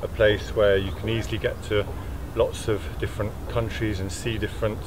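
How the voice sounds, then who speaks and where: A man's voice: lowish voice, flat delivery, moderate pace. A man in his thirties, from Belgium, talking casually and hesitantly with many fillers while walking through the countryside valley. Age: 30s. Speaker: furniture maker. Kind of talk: outdoor walking vlog. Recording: noisy outdoor recording.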